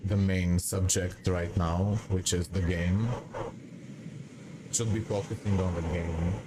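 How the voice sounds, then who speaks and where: A man chats casually on a live game stream, drifting from thought to thought with a hesitant, rambling delivery. His voice sits a bit low and moves slowly. A clear air conditioner hum runs beneath him. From Bulgaria. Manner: hesitant and rambling, reading chat aloud. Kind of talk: casual live-stream chat while gaming.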